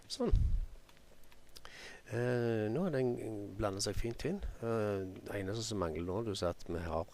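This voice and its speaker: A man with a Norwegian accent giving an unhurried software tutorial, thinking aloud with many ums as he works. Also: lowish voice, slight background noise. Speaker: photo editing tutor. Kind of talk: screen-recorded software tutorial.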